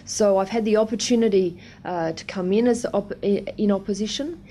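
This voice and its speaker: A woman's voice: medium pitch, fairly quick, warm tone, a little hiss or hum. A woman politician answering interview questions hesitantly, with many filler sounds.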